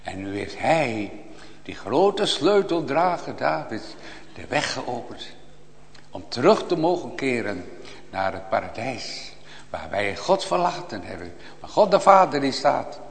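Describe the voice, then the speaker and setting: Guy preaching real slow, voice rising and falling a lot, big echoey church hall. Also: medium pitch, big pitch swings, creaky. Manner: impassioned preaching, swings from hushed to loud. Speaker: pastor. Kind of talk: sermon. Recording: long reverb of a church hall.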